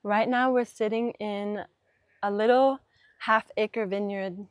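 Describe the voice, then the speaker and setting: Speaking slowly in a mid-range voice with a steady tone, the guest designer, a young Danish woman, is interviewed casually in a small vineyard on a summer evening. She comes across as reflective, with plenty of ums and likes and light laughter. Her noise-cancelling mic picks up no room sound.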